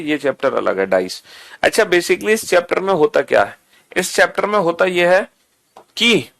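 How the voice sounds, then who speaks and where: A man's voice: a little high, a bit bright. A man teaching a reasoning lesson, repeating points and asking students questions that he answers himself. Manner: repetitive, quizzing, answers his own questions.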